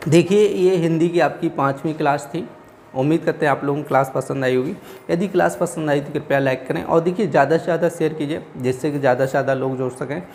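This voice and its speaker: A man teaching an exam-prep class with a somewhat high voice, asking a question and answering it himself before going on. Faint noise sits behind his voice. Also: fast, creaky, a little mellow. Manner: repeats questions back to students, frequent "theek hai". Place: coaching academy class.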